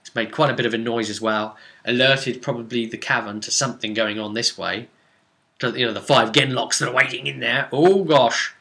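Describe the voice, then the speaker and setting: A man with a crisp, bright voice of average pitch talks a little fast as he goes over a role-playing session he ran as game master. He rambles casually, as if telling friends a story, turning animated when he relays what the players did.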